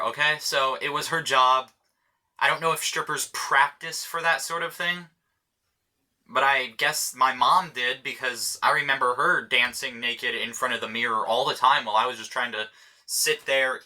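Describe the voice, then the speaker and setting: Young man, vlogger, casual storytelling, swears freely, rambling asides, sharp bright tone. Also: mid-range voice.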